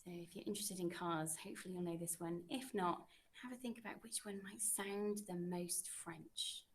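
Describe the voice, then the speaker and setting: A woman's voice: fairly low pitch, steady tone, normal speed. A young woman, a French teacher, running a classroom quiz with pupils in an encouraging, chatty way.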